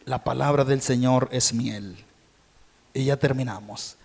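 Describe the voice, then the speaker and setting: A Colombian man preaching a sermon as pastor, questioning his congregation directly and swinging between calm teaching and loud shouted peaks. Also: medium pitch, measured pace, gravelly, slight background noise. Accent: Colombian Spanish. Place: church sanctuary. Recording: long reverb of a church hall.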